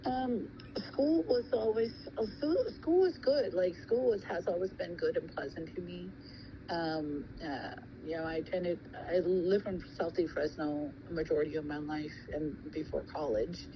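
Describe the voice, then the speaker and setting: Thai-born and California-raised, this woman in her thirties has a fairly low voice and responds to interview questions at a slow pace. Her delivery is halting, full of pauses and ums, in a relaxed recorded conversation. A steady hum sits under the muffled recording.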